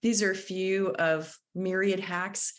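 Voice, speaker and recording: A woman's voice: medium pitch, steady tone, takes it slowly. A woman leading a live online workshop on conflict mediation, speaking in a thoughtful, coaching way and sometimes searching for her words over a video call.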